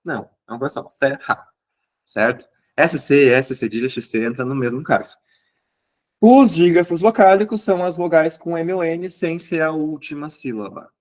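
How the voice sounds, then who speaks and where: A man's voice: fairly high pitch, normal speed, a little mellow. A male teacher, giving an exam review lesson and checking in with listeners as he explains. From southern Brazil.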